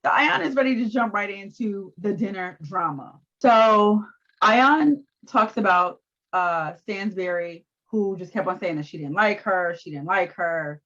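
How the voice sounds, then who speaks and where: A woman co-hosting a casual recap chat, animated and laughing often as she acts out quotes. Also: mid-range voice, unhurried, muffled recording. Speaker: podcast co-host.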